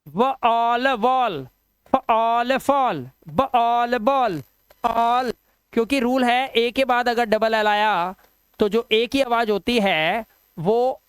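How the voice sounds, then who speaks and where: धीमा, साफ़ बोलने वाला हिंदी शिक्षक. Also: male voice, sits high, clean tone, no echo. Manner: drills words slowly, asks 'ठीक है?' often. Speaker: English teacher. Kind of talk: phonics lesson.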